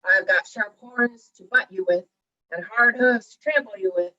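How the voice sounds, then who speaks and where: Woman as a loud, bold big billy goat. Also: mid-range voice, normal speed, far from the mic, highs cut off, natural voice. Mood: defiant. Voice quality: loud, shouting. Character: biggest male billy goat, bold and defiant.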